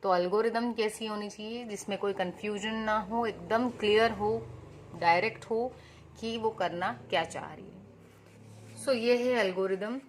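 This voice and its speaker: A woman's voice: medium pitch, unhurried, a little hiss or hum. A woman teaching a computer lesson, explaining each point through everyday examples and rhetorical questions.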